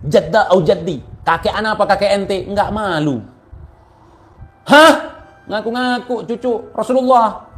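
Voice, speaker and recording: Heated, mocking man with a high voice. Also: a little slow. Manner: mocking, animated, swings from quiet asides to loud outbursts. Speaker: religious commentator. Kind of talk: heated monologue commentary.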